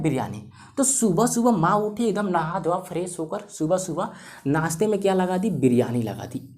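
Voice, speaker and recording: A man's voice: on the high side, a little mellow. Male teacher telling a motivational story. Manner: repetitive, rhetorical questions to viewers.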